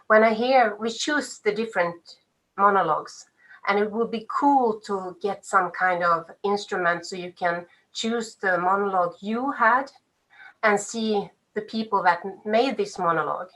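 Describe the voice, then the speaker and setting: A woman's voice: medium pitch, unhurried, a bit bright, low-quality recording. Woman, hesitant. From Sweden. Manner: hesitant, with fillers and nervous laughs. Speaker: participant. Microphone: video call.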